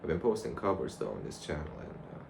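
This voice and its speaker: A man's voice: very deep voice, very animated, fast. A young man rambling casually and reflectively to a camera, in a loose conversational monologue. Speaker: vlogger. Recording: clear background noise.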